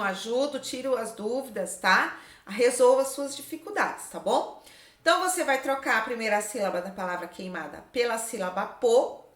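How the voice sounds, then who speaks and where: Brief: female literacy teacher, high bright voice, patient sing-song explaining, echoey room. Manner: slow, sing-song explaining with frequent "tá?" checks. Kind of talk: literacy lesson for young children.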